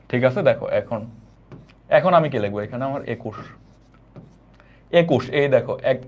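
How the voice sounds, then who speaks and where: A man's voice: medium pitch, lo-fi sound. A young man from Bangladesh, teaching a live online math lesson with insistent repetition and English terms mixed in. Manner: repetitive, emphatic, mixes English terms into speech. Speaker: math tutor.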